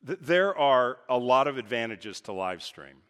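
A man's voice: sing-song, normal speed, a bit bright. Emphatic preaching man in a big hall. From Texas. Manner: preaching with emphatic swings in pitch and volume. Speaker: pastor. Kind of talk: sermon. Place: church sanctuary. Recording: reverberant church hall.

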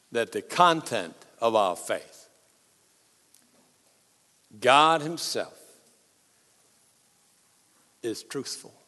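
A man preaching a sermon in an authoritative, emphatic manner, breaking his sentences into short phrases with deliberate pauses. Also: fairly high pitch, fairly bright tone. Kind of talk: sermon to a congregation and broadcast audience. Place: large reverberant hall before a congregation. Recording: long hall reverb.

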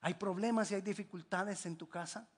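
A man preaching. He swings from ringing exclamations to hushed, low asides. He drives his points home with repeated rhetorical questions. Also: a little fast, breathy edge. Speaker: pastor. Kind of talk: sermon.

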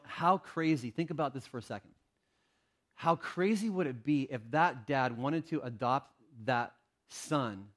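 A man's voice: medium pitch, fairly bright tone. A man preaching a sermon in a conversational, storytelling way, often restarting his sentences. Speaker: pastor.

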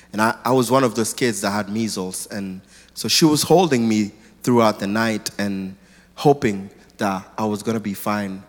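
A man from Kenya, a guest speaker telling his life story earnestly and thoughtfully in church. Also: fairly low pitch. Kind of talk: personal testimony in church. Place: large church auditorium. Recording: long hall reverb.

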